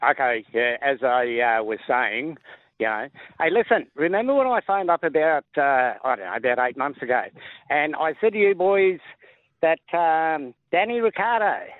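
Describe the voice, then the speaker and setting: A man's voice: on the high side, expressive, normal speed, no room sound, narrow, tinny audio. A man calling into a sports radio show, chatty and rambling. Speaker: caller.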